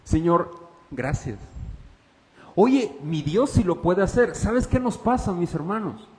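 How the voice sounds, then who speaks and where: A man preaching a sermon as pastor, questioning the congregation and swinging from loud to hushed. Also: high-pitched, big pitch swings, slow, big-room sound, rough recording. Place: church.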